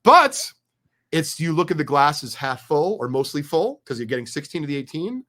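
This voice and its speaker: A middle-aged man telling a story in an excited, chatty, candid way as a guest. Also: a little high, moderate pace. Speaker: card collecting business guest. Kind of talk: animated storytelling.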